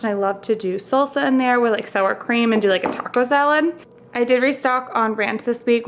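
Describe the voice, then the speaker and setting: A woman's voice: on the high side, a bit bright, a little hiss or hum. Chatty, slightly breathless young woman. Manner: chatty, upbeat, lists items with fillers like "like" and "um". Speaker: vlogger. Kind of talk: casual grocery haul narration.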